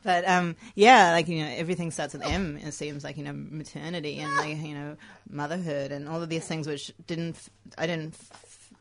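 A woman's voice: sits low, level tone, normal speed, hardly any pauses. An Australian woman co-hosting a casual radio chat, reflective and hesitant with many fillers, often breaking into laughter. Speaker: radio co-host. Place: radio studio.

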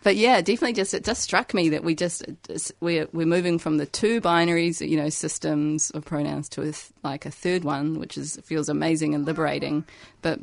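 A woman's voice: deep voice, steady tone, vocal fry, no room sound. A woman co-hosting a casual radio chat, speaking earnestly and with emphasis. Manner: earnest, emphatic, slow in places. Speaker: radio co-host. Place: radio studio.

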